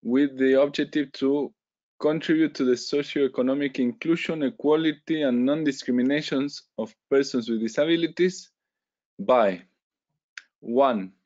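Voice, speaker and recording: A hesitant male webinar speaker gives a formal presentation over a video call, speaking carefully with pauses and self-corrections. His voice is medium-pitched and a little mellow, and the call audio sounds dull and lo-fi.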